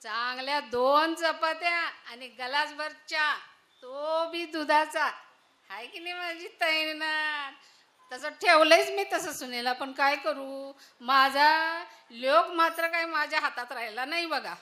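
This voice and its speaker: Cantankerous old village mother-in-law, played by a woman, high bright voice. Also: slow pace, full character voice. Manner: grumbling, loud calls and complaints. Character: older village mother-in-law, scolding, self-pitying. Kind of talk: solo stage monologue.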